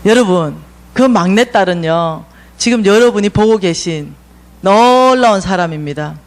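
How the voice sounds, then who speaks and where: Animated Gyeongsang-accented woman preacher. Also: a little slow, slight background noise. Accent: Gyeongsang Korean. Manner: animated, acts out dialogue with big shifts in pitch and volume. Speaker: church seminar speaker. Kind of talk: lively storytelling lecture. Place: church lecture hall.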